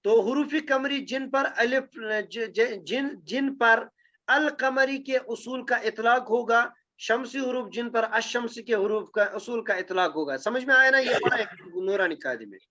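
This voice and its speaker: An extremely high, pushed and bright male voice carries this Quranic Arabic grammar lesson. The teacher explains step by step during a recitation class, repeatedly checking in with his students. Expect dull, lo-fi audio.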